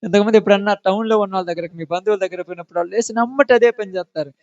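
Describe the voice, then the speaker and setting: A man's voice: high voice, very fast, no room sound. A man preaching a conversational sermon, firing rhetorical questions and repeating his points while he speaks directly to his listeners. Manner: addresses listeners directly and familiarly. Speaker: pastor. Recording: dull lo-fi recording.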